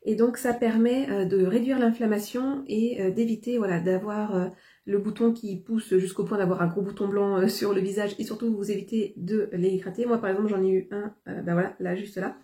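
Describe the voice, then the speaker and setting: A woman's voice: medium pitch, fairly even intonation, fairly quick, mellow. A young woman chatting casually to camera about her shopping haul, hesitant and full of fillers. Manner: hesitant, many fillers and restarts. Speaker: haul vlogger.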